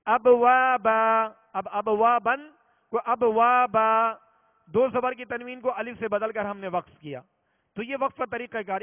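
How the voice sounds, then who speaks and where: A man teaching a religious reading lesson, explaining patiently and repeating each rule, slowing down to sound out examples. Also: high-pitched. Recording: tinny phone-like audio, long reverb.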